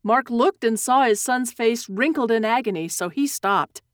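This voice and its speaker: Lady reading a story aloud, kinda high voice, dry close sound, slows down at the tense bits. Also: no room sound. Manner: steady, expressive reading that slows at tense moments. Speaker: narrator.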